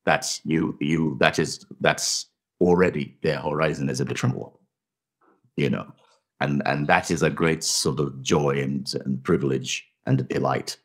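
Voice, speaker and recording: A man's voice: extremely low pitch, steady tone, measured pace. A middle-aged man from a Tanzanian family who grew up in Zimbabwe, guest actor on a podcast, speaking thoughtfully with many restarts and repeated words. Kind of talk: conversational podcast interview.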